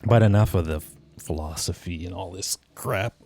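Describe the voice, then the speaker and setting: Low, mellow-voiced man in his late forties. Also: moderate pace, vocal fry. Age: 40s. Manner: rambling, with many restarts and "you know"s; reflective and easygoing. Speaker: livestream host. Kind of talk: casual live-stream chat.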